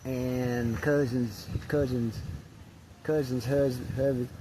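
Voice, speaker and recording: Speaking slowly and steadily in a mid-range voice, an older man rambles through a casual, profane campsite vlog shot on a handheld camera, tripping over restarts as he goes. Faint wind and birdsong sit in the background.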